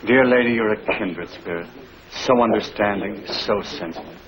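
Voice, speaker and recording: An actor playing a courtly gentleman suitor in an old broadcast drama, speaking with formal gallantry and effusive compliments. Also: lowish voice, moderate pace, a crowd in the background, natural voice. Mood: gallant, admiring. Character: courtly, flattering gentleman suitor who loves poetry. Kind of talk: old-time broadcast comedy-drama acting. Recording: noisy vintage broadcast recording.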